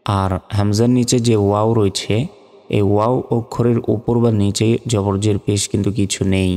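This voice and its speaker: Mellow, flat-voiced man teaching spelling. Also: lowish voice, moderate pace, in a large hall. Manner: spells out letters and vowel marks syllable by syllable. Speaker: Quran reading teacher. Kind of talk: step-by-step spelling lesson.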